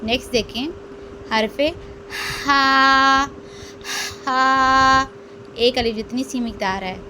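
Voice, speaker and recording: High-voiced woman teaching letter sounds. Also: fairly even intonation, normal speed, slight background noise. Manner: drills letters aloud, drawn out and stressed; asks questions then answers them herself. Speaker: Quran reading teacher. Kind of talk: slow step-by-step lesson.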